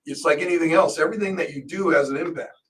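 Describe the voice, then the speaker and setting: Talking fast in a fairly high, fairly bright voice, a middle-aged American radio co-host lays out ideas casually on a talk show. He leans on hypotheticals and asks himself questions before answering them, and the mic sits some distance away.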